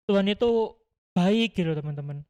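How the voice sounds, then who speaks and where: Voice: medium pitch, animated, normal speed, dark tone, clear, resonant tone. A young adult youth ministry leader, giving a casual personal testimony at an online youth service and often speaking to the listeners as friends. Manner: casual, keeps addressing listeners as friends, many fillers.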